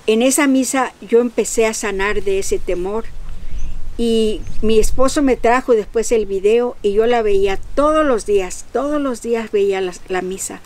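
A woman's voice: on the high side, normal speed, a little mellow. An older woman giving a simple, earnest and devout personal testimony. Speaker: channel host.

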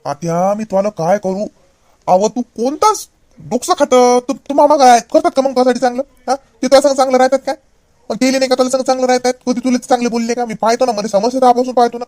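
A man's voice: extremely high pitch, fast, darkish tone, no echo, clean studio sound. A man playing a preachy young nephew. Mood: insistent. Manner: lecturing, insistent. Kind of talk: comedy skit acting.

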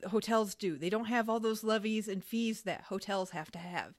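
A woman hosting a podcast, talking in a brisk, chatty way and laughing easily. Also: mid-range voice, dry recording, clean studio sound. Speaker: podcast host. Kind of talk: casual podcast chat.

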